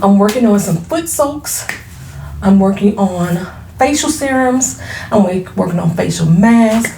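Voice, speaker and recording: Woman in her forties, self-made business owner, home vlog, frank and chatty, creaky voice in an echoey room. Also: medium pitch, dark tone, a little hiss or hum. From Florida. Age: 40s. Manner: chatty, laughing, frank, slangy. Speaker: small business owner vlogging. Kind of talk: casual chat to camera. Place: her home, products on shelves behind.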